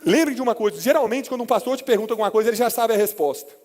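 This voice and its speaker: A high-voiced Brazilian man preaches with passion, dropping to hushed tones and then rising to fervent peaks. His voice rings with a long reverb, as if heard in a large church hall. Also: very fast. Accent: Brazilian Portuguese. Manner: impassioned, swings from low hushed lines to raised emotional peaks. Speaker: pastor. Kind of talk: sermon.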